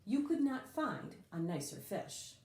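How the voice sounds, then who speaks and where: A reverberant recording captures a woman theatrically reading a children's picture book. Her voice is on the high side, and she lingers on key words to emphasize them.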